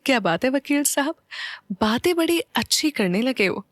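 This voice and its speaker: A woman's voice: fairly high pitch, expressive, moderate pace, no room sound, natural voice. A smitten young bride, voiced by a woman narrator, teases and chirps in a raised, lighter voice. The storybook delivery is dry and close. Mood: playful. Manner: bright, playful, teasing.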